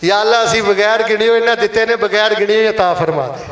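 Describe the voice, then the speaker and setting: A man's voice: high voice, steady tone, fast talker, a bit bright, reverberant. A man with a Punjabi accent leading a mosque fundraising appeal during a Friday sermon, coaxing and blessing the congregation.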